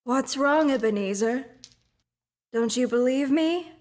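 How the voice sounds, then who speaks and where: Voicing a mournful old businessman's ghost bound in chains for a student radio drama, an actor speaks slowly and solemnly in a very high voice, slipping into breathy whispers.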